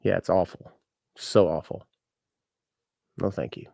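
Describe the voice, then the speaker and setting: A man's voice: low-pitched, steady tone, a little slow, gravelly, warm tone, dry recording, clean studio sound. A man chatting casually to his vlog audience, rambling and self-deprecating. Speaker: musician and content creator.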